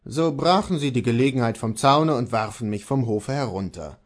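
An aggrieved male stable servant tells his master what happened in a storybook reading, voiced by a man. The voice stays close to the reader's own, plain and low-key, with a lively rise and fall. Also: moderate pace, lightly acted.

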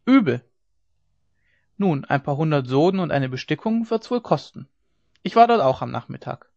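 A man's voice: on the high side, animated, a little fast, creaky, darkish tone, no room sound. A man reading the part of a stubborn village councillor who speaks dryly and scornfully. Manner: dry, scornful. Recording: dry, dull lo-fi recording.

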